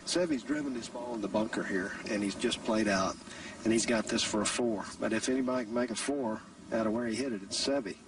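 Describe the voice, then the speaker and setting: A man's voice: on the low side, brisk, far from the mic, slight background noise, low-quality recording. A man giving conversational golf commentary, explaining the course and the shots as an analyst.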